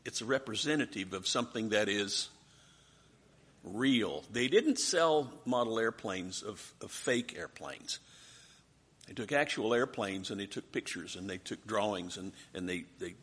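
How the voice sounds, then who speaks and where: A man leads a Bible study with a forceful, bright voice that swings widely in pitch. He teaches in an animated way and keeps throwing questions to the group. There is a husky edge to his tone. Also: a little slow. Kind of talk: interactive Bible class teaching.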